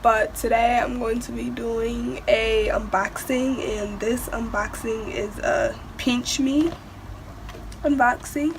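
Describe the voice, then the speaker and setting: A woman's voice: a little high, fairly even intonation, takes it slowly, noisy background. A teenage girl vlogging an unboxing in a casual, rambling way, sick and stuffed up. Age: teens. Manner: rambling, many fillers.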